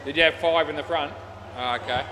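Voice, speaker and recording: A man's voice: fairly high pitch, fairly even intonation, fairly quick, crowd noise. A man with an Australian accent giving casual, laconic, matey amateur commentary and umpire calls at indoor cricket. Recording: noisy indoor sports hall, bouncing balls.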